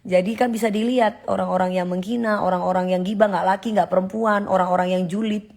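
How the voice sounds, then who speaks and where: A woman's voice: mid-range voice, steady tone, quick pace, gravelly, a little mellow. A woman hosting a live stream, chatting casually and emphatically as she reads out viewer comments.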